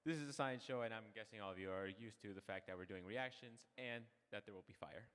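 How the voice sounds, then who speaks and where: Fast-talking teen show host. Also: male voice, fairly low pitch, fairly bright tone, clean tone. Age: late teens. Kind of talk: scripted stage hosting. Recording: echoey auditorium sound.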